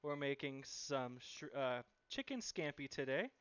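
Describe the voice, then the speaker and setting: A man's voice: mid-range voice, very animated, unhurried, fairly bright tone, smooth, no echo, muffled recording. A man running a live cooking stream, chatting and cheerfully thanking viewers as he cooks.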